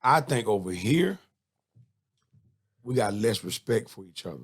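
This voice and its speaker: Male host, casual, quick-witted reactor, easygoing questioner. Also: fairly low pitch, lively intonation, slightly rough. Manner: short reactive interjections, joking. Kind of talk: casual chat.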